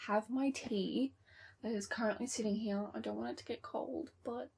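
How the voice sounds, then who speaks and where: A woman's voice: a little high, fairly even intonation, moderate pace, gravelly, a little mellow, a little hiss or hum. A young woman vlogger chatting casually about books she is reading, gushing and chatty with lots of "like" and "really". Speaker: book vlogger.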